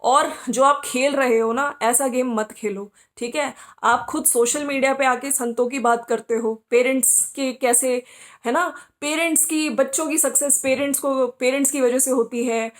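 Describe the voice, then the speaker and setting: A woman's voice: high-pitched, fairly even intonation, normal speed. A woman hosting a podcast who comments on social media gossip, scolding the people she talks about directly and asking them rhetorical questions. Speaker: podcast host.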